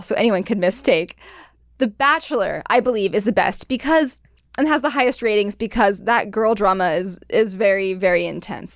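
A woman's voice: medium pitch, fairly bright tone, no room sound, clean studio sound. A woman podcast host in casual chat, bubbly and rambling.

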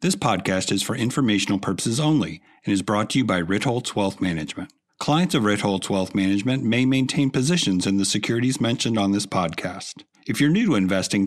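A man announcing a podcast intro and disclaimer in a smooth, measured way. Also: fairly low pitch, animated. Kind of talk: scripted announcement.

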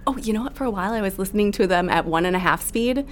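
A woman's voice: medium pitch, racing, slight background noise. A middle-aged woman from Illinois, a guest pastry chef in casual podcast chat, talking in a chatty, hesitant way with many fillers. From Illinois, USA.

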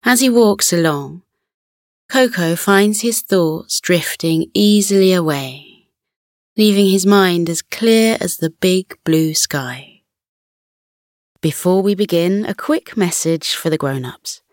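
A woman narrating a children's sleep story in a gentle, soothing, unhurried way, as the host of a scripted bedtime podcast. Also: fairly low pitch, no room sound, clean studio sound. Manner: soothing, gentle, unhurried guided-relaxation delivery.

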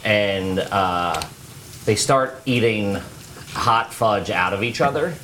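A man from the Philadelphia area, a guest in a casual chat, telling animated stories. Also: on the low side, takes it slowly, slight background noise.

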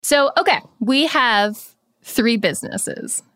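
A woman's voice: a little high, sing-song, slow, fairly bright tone, no room sound, studio quality. A woman hosting a casual podcast, recapping business stories with dramatic reveals. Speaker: podcast host.

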